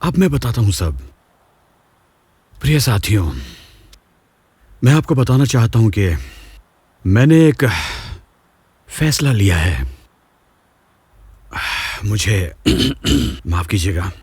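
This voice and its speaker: A man voicing a formal, older school principal who is retiring, with a husky voice and hesitant phrasing. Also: fairly low pitch, very animated, slow pace, long pauses, darkish tone, no room sound, full character voice. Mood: formal announcing. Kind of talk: dubbed drama.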